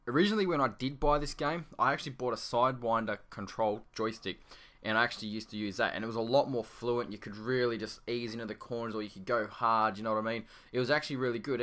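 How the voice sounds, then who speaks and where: A man's voice: mid-range voice, pushed and bright. A man in his twenties with an Australian accent, chatting loosely about an old game in a rambling, laid-back way, his voice echoing in a nearly empty room at home. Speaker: gaming video creator. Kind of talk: casual gameplay commentary.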